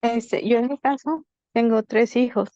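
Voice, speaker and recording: A woman's voice: on the high side, measured pace, warm tone, dry recording. A mother telling family stories in a chatty way, full of fillers, over a video call. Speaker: parent participant. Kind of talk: casual storytelling. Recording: dull lo-fi call audio.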